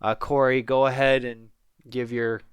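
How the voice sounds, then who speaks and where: A man with a smooth, clear voice hosts a casual podcast in an upbeat way. The sound is dry and close, with no room around it, as he passes the floor to his co-hosts. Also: mid-range voice, level tone, unhurried, dry recording. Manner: upbeat, hands the turn to others. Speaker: podcast host. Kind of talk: casual chat.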